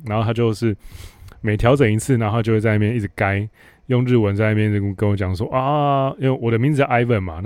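A man's voice: on the low side, darkish tone, no echo. A man with a Taiwanese Mandarin accent hosting a podcast, telling a work story in a blunt, sarcastic, casual monologue. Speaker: podcast host.

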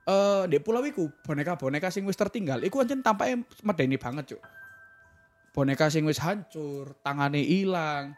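A man's voice: on the high side, expressive, soft background music. A man with an East Javanese accent telling horror stories on a podcast in slangy casual banter. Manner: tells horror tales in rapid slangy banter. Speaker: podcast co-host. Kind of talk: casual storytelling chat.

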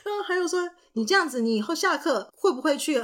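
A young woman telling stories on a casual podcast, her voice set a little high and swooping widely as she acts out little scenes from her childhood. She laughs often and keeps her voice chatty and expressive. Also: quick pace. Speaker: podcast co-host. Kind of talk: casual chat, storytelling.

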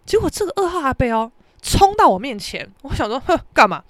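A podcast host with a Taiwanese Mandarin accent delivers a casual storytelling monologue in a brash, profane, dramatic style, shouting out reenacted quotes. Her voice sits high, sing-song and a little fast, in a dry recording.

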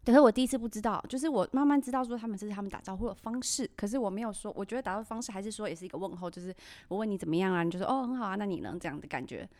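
A woman's voice: medium pitch, very fast, hardly any pauses, darkish tone, no room sound. A woman hosting a podcast in casual chat, laughing often and acting out the reactions she quotes. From Taiwan. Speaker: podcast host.

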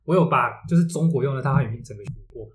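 A man's voice: mid-range voice, very fast. A man with a Taiwanese accent explaining things in a casual discussion, readily arguing his point. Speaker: podcast co-host. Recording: roomy echo, faint background noise.

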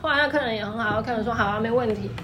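A woman with a Taiwanese Mandarin accent, a clothing shop owner telling stories in an animated, emphatic way. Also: a little high, background noise. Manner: animated, fast-talking, emphatic. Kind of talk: casual storytelling chat.

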